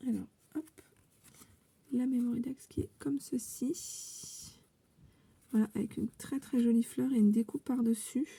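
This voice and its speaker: A woman with a fairly high but very dark voice, gravelly and husky, talks her way through a scrapbooking unboxing. She is chatty and hesitant, full of fillers, and sometimes sinks into a whisper. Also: fairly even intonation, a little slow, pauses often. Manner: chatty, hesitant, with many fillers and soft asides; drops to a whisper now and then. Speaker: scrapbooking vlogger opening a contest entry. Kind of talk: casual unboxing chat.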